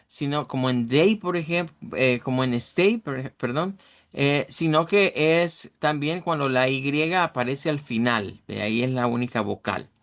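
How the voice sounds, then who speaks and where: A man's voice: medium pitch, measured pace, fairly bright tone. A middle-aged male English teacher with a Central American Spanish accent, giving a recorded online class and explaining vowel sounds with fillers and self-corrections.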